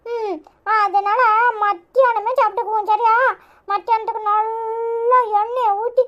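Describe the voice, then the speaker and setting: A woman's voice: very high voice, flat delivery, measured pace, dull audio. A woman voicing a cheeky, food-loving young child in a cartoon, with a Kanyakumari Tamil accent. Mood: chatty. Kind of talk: cartoon voice acting.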